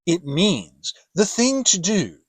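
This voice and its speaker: A man's voice: high voice, very animated, husky, dry recording, pitched above the performer's own voice, full character voice. A man voicing a pompous, long-winded owl in a storybook, with emphatic, lecturing delivery. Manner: emphatic, lecturing, drawn-out words.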